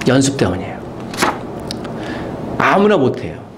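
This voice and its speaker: A man's voice: mid-range voice, very animated, moderate pace, slight background noise. A man preaching a sermon as a pastor in a university chapel, delivering it with rhetorical questions and sudden leaps in emphasis.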